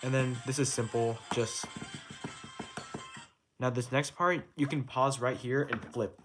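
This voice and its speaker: A young man talks through a rhythm game chart in a relaxed, offhand way, swearing now and then and counting beats aloud. His voice sits at an ordinary male pitch. Loud game music plays underneath him. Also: measured pace. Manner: laid-back, swears casually, restarts sentences; counts out note timings aloud. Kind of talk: casual tutorial commentary.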